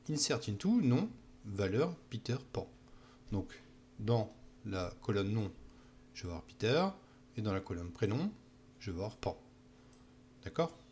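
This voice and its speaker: A man teaching a software tutorial while walking through his screen, often checking in with "d'accord?". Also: fairly low pitch, slight background noise. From France. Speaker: instructor.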